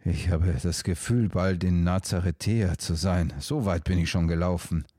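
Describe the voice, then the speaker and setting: A man's voice: low voice, normal speed, dark tone, dry recording, clean studio sound. A man voicing a lost, tired and thirsty emperor in a storybook, pleading wearily. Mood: weary. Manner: weary and pleading.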